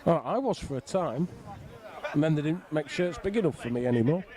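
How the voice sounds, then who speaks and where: A man's voice: on the high side, animated, fairly quick, a crowd in the background. A middle-aged man giving casual, jokey live commentary on a bowls match. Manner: jokey, bantering. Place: outdoors on a flat roof in the rain.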